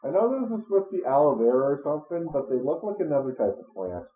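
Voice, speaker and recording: A young man trading jokes while he plays a farming game. His voice is a touch high and moves up and down a lot. The recording is muffled and echoey. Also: sing-song, fast. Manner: joking, laughs often. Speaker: let's play co-host. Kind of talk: casual game commentary. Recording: echoey room, muffled audio.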